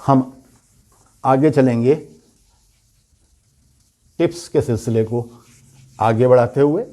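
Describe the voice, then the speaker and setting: A man's voice: medium pitch, slow, mellow. A man giving a spoken English pronunciation lesson, explaining patiently and repeating each word to drill it. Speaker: English teacher.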